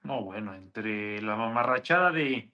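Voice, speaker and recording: A man's voice: fairly low pitch, lively intonation, a little slow, muffled recording. A man with a Mexican accent hosting a sports show, giving informal, opinionated commentary.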